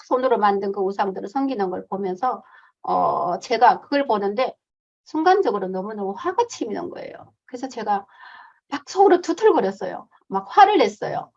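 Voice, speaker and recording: A woman's voice: a little high, a little mellow. Earnest woman missionary giving a talk. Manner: earnest, emotional storytelling with many fillers. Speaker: missionary teacher. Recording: dull lo-fi sound.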